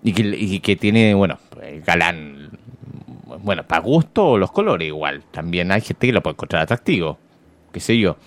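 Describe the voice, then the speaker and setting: A morning radio host with a Chilean Spanish accent chats wryly about politics and reads listener messages aloud. His low-pitched voice is animated and moves at normal speed, in casual commentary.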